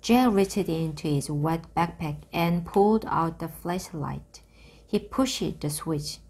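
A woman reads a children's story aloud at a very slow, careful pace. Her voice is low-pitched and slightly husky. Each phrase is set out clearly for listeners learning the language. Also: a little mellow. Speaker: reader. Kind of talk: reading a children's book aloud.

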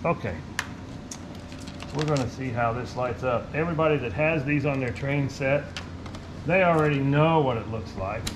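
Middle-aged man, wry and chatty hobbyist, camera-mic sound with steady background noise. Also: mid-range voice, normal speed, pauses often. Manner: chatty, wry, chuckling asides. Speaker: model railroad hobbyist, co-host. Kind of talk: casual chat while unboxing. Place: garage workshop and train room, indoors. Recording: noisy home video audio.

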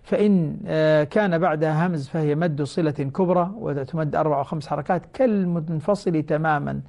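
A man with a fairly high voice teaching the rules of Quran recitation on a television program. He explains each rule step by step and breaks into slow, drawn-out chanting of short example verses. He speaks to his listeners as brothers. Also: gravelly, a little mellow. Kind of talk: televised tajweed lesson. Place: TV studio.

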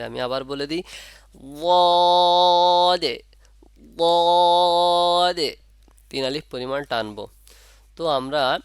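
A man's voice: medium pitch, a bit bright, no echo. A man teaching Quran reading, explaining patiently and demonstrating each sound. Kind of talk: casual spoken lesson.

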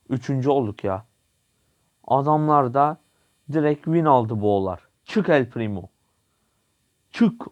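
A young man giving casual, excitable commentary while playing a mobile game, coaching his teammate and repeating short calls. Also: medium pitch, clean tone. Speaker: gaming channel host.

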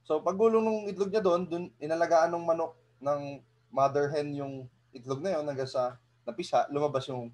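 A man giving a lively seminar talk to an audience, often asking them rhetorical questions and chuckling. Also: on the high side, moderate pace. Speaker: motivational speaker.

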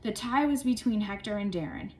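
A woman, a parent volunteer and substitute teacher, reading a children's chapter book aloud with expressive storytelling. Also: medium pitch, a little fast, slight background noise, poor audio.

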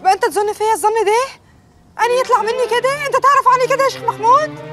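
An actress playing a feisty young village woman, coyly fending off a suitor and pleading to calm a quarrel. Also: extremely high pitch, very fast, music in the background. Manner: coy teasing protests, then anxious pleading. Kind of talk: film acting.

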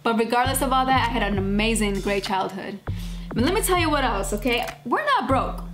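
A woman's voice: on the high side, lively intonation, a little fast. A woman vlogging straight to camera in casual chat, emphatic and repeating phrases for punch. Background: background music.

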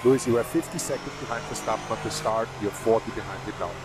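Male pit wall voice, slightly low, debriefing on race car radio under loud noise. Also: fast. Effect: team radio transmission. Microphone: radio headset. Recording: very noisy race team radio.

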